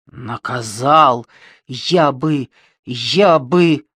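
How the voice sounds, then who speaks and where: Reader doing a hysterical killer guy, slow fervent shouting, dry close sound. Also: medium pitch, slightly rough, dry recording, exaggerated voice. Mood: raving. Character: unhinged male killer, tormented and zealous. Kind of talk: audiobook reading.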